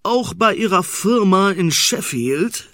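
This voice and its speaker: Casting: sceptical sleuth in mystery drama, very high male voice, sharp and bright, sarcastic. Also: animated, slow pace, no room sound, studio quality, full character voice. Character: sceptical, sarcastic police investigator. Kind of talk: German murder-mystery drama acting.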